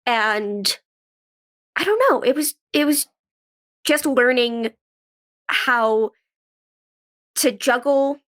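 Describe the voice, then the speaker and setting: Her voice is fairly high and a bit bright, and she talks extremely slowly with long pauses. This woman, a writer and actress guesting on a podcast, reflects informally in a casual interview and illustrates her points with anecdotes.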